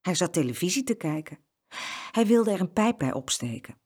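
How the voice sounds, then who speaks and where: A woman narrating a children's story in a lilting, expressive way. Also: lowish voice, normal speed, husky.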